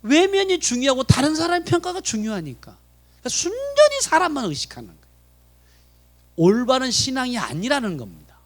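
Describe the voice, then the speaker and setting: Male pastor delivering a church sermon; very high, highly expressive pitch, rhetorical questions to the congregation. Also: a little fast. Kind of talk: sermon at a Friday prayer meeting. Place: church sanctuary.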